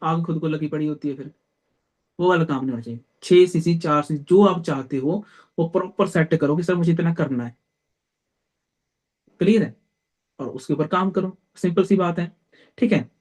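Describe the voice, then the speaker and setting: Young guy running a team meeting, bit high voice but mellow, blunt and direct, keeps saying ok ok. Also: moderate pace, pauses often. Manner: direct and blunt, peppers talk with "theek hai"; addresses listeners as brother. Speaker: team leader. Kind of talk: motivational team meeting talk.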